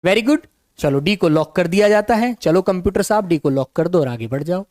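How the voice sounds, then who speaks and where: A male teacher with a sore, hoarse throat, leading an online exam-prep class in a calm, unhurried and affectionate way. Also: high voice, no room sound, studio quality.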